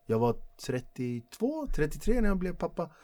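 A man in his forties, a comedian and host, telling stories in a casual chat, animated and slangy, laughing often. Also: on the high side. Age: 40s.

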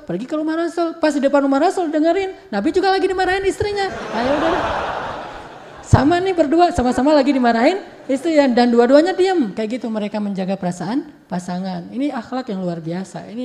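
Woman preacher, casual religious talk, chatty and lively storytelling, voice on the high side.

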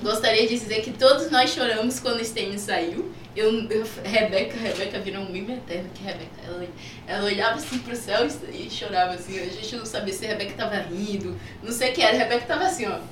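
A woman's voice: medium pitch, quick pace, background noise. A young woman with a Bahian accent, a youth orchestra viola student chatting and telling stories with a giggly, rambling manner. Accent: Bahian Portuguese. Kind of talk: casual chat. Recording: echoey room from far off.

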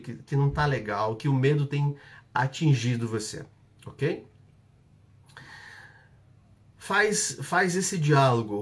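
Brazilian man coaching a live audience. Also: mid-range voice. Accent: Brazilian Portuguese. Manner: repetitive, instructive, checks in with short tags. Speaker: coach hosting a live session. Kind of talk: live coaching talk with an exercise.

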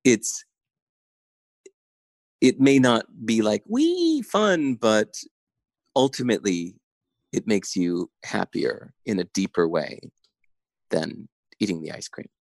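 A man's voice: fairly low pitch, steady tone, takes it slowly, vocal fry, long pauses, darkish tone, dry recording. A man talking as a podcast guest in casual conversation, intense and enthusiastic, laughing often, over a remote call.

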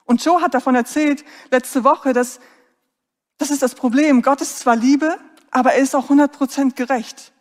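A woman preaches an earnest, emphatic sermon and turns often to her listeners with direct questions. Her voice sits fairly high. A long reverb lingers after each phrase, as in a big hall. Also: fairly even intonation, moderate pace, a little mellow.

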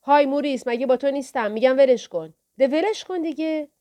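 A woman's voice: high voice, mellow, pitched above the performer's own voice, lightly acted. Storybook part: woman playing a pushy young hustler, bossy and impatient.

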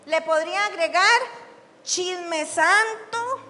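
High, bright-voiced woman preaching. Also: slow, big-room sound, a little hiss or hum. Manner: blunt, teasing, fires rhetorical questions at the congregation. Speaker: lay leader in charge of the church. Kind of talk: sermon. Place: church hall.

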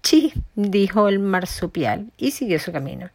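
A woman telling an animal folk tale, reading in a measured, expressive way. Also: mid-range voice, dry recording. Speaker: storyteller. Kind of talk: scripted narration of a folk tale.

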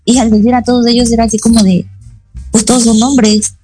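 A woman's voice: a little high, level tone, brisk, mellow, husky, soft background music, poor audio. A woman, a guest chef in a casual radio interview, telling chatty stories and acting out what others said. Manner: chatty storytelling, acting out quoted voices.

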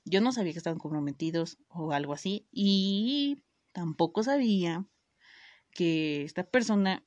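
A woman's voice: mid-range voice, a little mellow, dry recording, highs cut off. A young woman with a Mexican accent telling a personal story to her viewers in a casual, slangy way, swearing freely and restarting her sentences often. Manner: slangy, full of fillers and swearing; frequent self-interrupting restarts. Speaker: vlogger.

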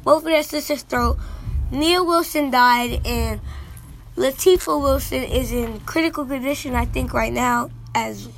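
A young woman with a high voice hosts a casual talk show, rambling through her stories. A faint hiss sits under her voice. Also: measured pace, poor audio. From Miami, Florida. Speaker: host.

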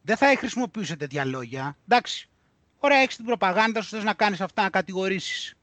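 A man hosting a podcast, talking in an animated, indignant way and reading news aloud mockingly. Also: high-pitched, dry recording. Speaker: podcast host. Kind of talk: heated podcast discussion.

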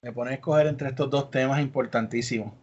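A man's voice: medium pitch, fairly even intonation, fast talker. A man hosting a podcast, chatty and upbeat as he leads the talk. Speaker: podcast host. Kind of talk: casual podcast chat. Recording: dull lo-fi podcast audio.

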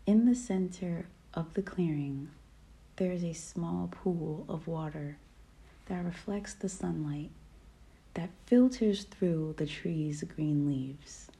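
A woman guiding a meditation in a calm, soft voice that often drops to a whisper. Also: fairly low pitch, takes it slowly. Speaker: podcast host. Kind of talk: guided meditation.

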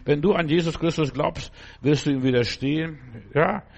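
A man's voice: fairly high pitch, normal speed, vocal fry, darkish tone. An older male preacher gives a loose, conversational sermon. He talks to the listener directly and familiarly, rambling and restarting as he goes, and keeps checking whether he is understood. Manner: talks straight to the listener as "du", often asks "verstehst du?"; folksy, blunt, rambling with restarts.

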